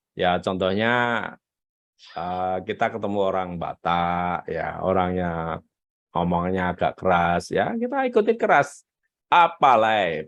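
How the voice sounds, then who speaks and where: Emphatic low-voiced male business coach. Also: no room sound. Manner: animated, emphatic, repeats key phrases. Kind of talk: live-streamed sales coaching talk.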